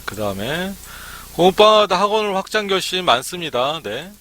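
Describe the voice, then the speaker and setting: A man's voice: high-pitched, big pitch swings, normal speed, a bit bright. A man giving a live-streamed lecture to would-be academy owners, chatty and peppered with "ne" fillers. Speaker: academy startup consultant.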